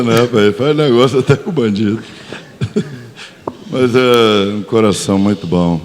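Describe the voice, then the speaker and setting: A man from Brazil with a São Paulo accent, a pastor chatting in a relaxed, teasing way with youths. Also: medium pitch, a little hiss or hum. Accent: São Paulo Portuguese. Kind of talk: casual church talk. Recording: reverberant church hall.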